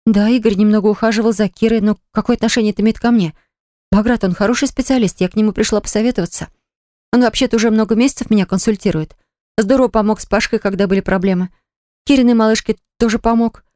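A young mother, as the reader puts her on, with a raised, higher voice that sounds defensive and bewildered. The tone is smooth and crisp. The recording is dry and close, as in an audiobook. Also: fairly even intonation, fast talker, dark tone, no room sound, lightly acted. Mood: indignant. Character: young mother, flustered, then indignant. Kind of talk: audiobook character voice.

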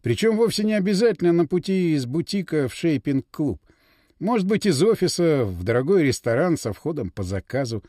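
A man narrating an audiobook in an expressive, measured reading. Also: on the high side, dry recording, clean studio sound.

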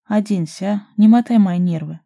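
A woman's voice: mid-range voice, moderate pace, gravelly, warm tone. A woman voicing a stern young male bodyguard who growls curt commands.

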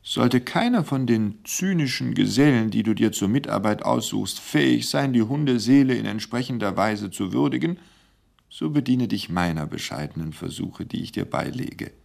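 A man's voice: on the low side, expressive, moderate pace, creaky, darkish tone, pitched above the performer's own voice, exaggerated voice. A man reading aloud the earnest letter of a sentimental dog-loving man.

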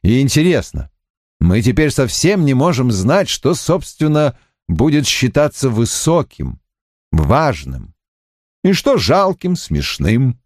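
Guy doing thoughtful older officer, slow and low, lively rise and fall, audiobook. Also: no room sound, clean studio sound, full character voice. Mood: musing. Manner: slow, musing, drops low. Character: middle-aged male officer, reflective philosopher. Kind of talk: audiobook character reading.

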